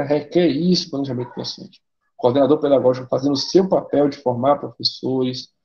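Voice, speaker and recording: A man with a Bahian accent giving a teacher-training lecture, lively and colloquial, often tagging his sentences with a questioning aside. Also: fairly high pitch, vocal fry, dull audio. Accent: Bahian Portuguese.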